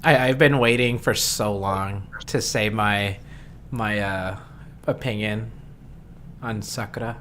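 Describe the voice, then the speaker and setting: A man hosting a live stream chat, relaxed and often hesitant, trailing off mid-thought. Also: fairly low pitch, slow, slight background noise. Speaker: stream host.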